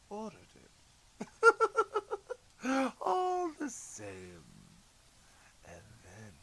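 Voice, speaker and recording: Crazy evil clown for audio drama, slow gravelly voice, theatrical, hushed then yelling, menacing and anguished. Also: male voice, fairly high pitch, exaggerated voice. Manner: theatrical, swinging from hushed to shouting.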